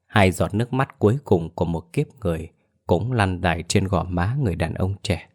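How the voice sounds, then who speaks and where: A man's voice: low-pitched, brisk. A man narrating a ghost story in a solemn, mournful storytelling manner.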